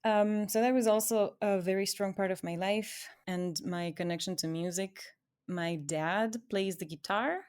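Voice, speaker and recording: In a clean, mid-range voice with fairly even intonation, a woman from Ecuador tells her own story on a podcast she co-hosts. She talks a little slowly, chatty and quick to laugh, letting phrase endings drift off quietly.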